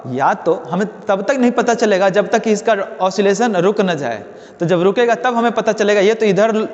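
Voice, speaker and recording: A man teaches physics in a fairly high voice, keeps posing questions and answering them himself. The sound is dull and lo-fi, with a long reverb trailing behind him. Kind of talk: classroom lecture.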